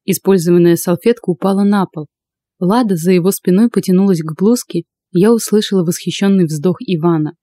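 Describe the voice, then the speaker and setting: A woman narrating first-person fiction for an audiobook in a calm, even storytelling voice. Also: lowish voice, a little fast, dry recording.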